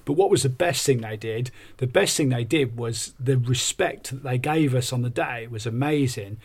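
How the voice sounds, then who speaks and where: Man, husky voice, upbeat life coach manner, conversational podcast explaining. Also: mid-range voice, normal speed. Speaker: podcast co-host and workshop coach.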